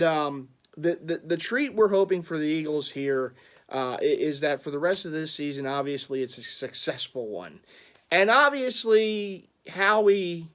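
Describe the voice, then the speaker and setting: A man's voice: on the high side, clear, resonant tone. A man, rambling through a casual sports vlog full of stammered restarts and chuckles. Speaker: sports fan vlogger.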